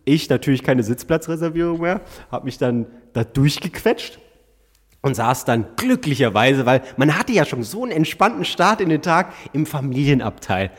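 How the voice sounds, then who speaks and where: A man telling a comic anecdote in an animated, exasperated way, breaking into frequent laughter. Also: on the high side, moderate pace, slightly rough, in a large hall.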